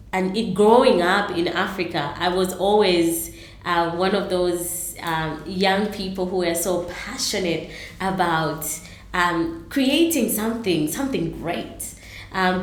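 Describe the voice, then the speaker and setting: A woman's voice: on the low side, takes it slowly, echoey room. A middle-aged woman from Zambia, answering interview questions earnestly, with many ums and restarts. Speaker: interview guest, entrepreneur.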